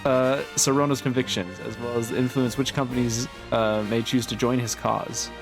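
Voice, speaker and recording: A man commenting casually on a video game in a medium-pitched voice. He is jokey and irreverent, with faint game music behind him. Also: fairly even intonation, moderate pace. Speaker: gamer playing on camera or stream. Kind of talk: casual joking gameplay commentary.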